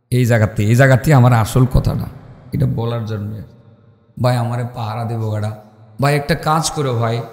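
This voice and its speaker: A man's voice: mid-range voice, gravelly, mellow. Male waz preacher who slides into a sung chant at peaks; recorded over a PA with a roomy, reverberant hall sound. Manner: shifts into a sung, chanting delivery at climaxes. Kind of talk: waz sermon storytelling. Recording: echoey hall with long reverb.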